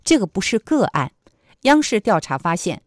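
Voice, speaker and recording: A woman's voice: medium pitch, big pitch swings, normal speed, no echo, clean studio sound. A woman working as a radio presenter, reading scripted news and commentary.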